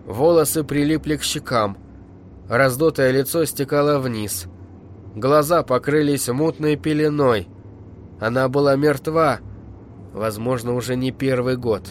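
A man in a measured, dark storytelling manner, reading an audiobook as narrator. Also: medium pitch, slight background noise. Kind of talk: scripted narration.

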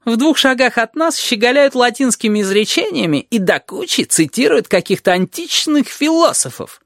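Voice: medium pitch, big pitch swings, moderate pace, a bit bright, dry recording, studio quality, voice pushed up. A reader voicing a gloomy, sardonic male teacher nicknamed the lizard, who complains with growing heat, in an audiobook. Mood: grumbling. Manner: grumbling, increasingly heated. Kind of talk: audiobook character voice.

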